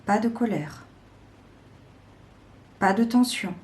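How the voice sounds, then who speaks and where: A woman giving a slow, deliberate weekly tarot guidance, with frequent pauses and hesitations. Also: medium pitch, a little mellow. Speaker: tarot reader.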